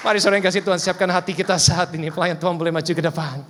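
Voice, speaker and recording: High voiced pastor guy preaching, emotional story, echoey big church hall. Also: little pitch movement, racing, fairly bright tone, some chatter behind, slight background noise. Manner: emotional storytelling, addresses congregation as "saudara", mixes in English phrases. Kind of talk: sermon. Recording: long hall reverb.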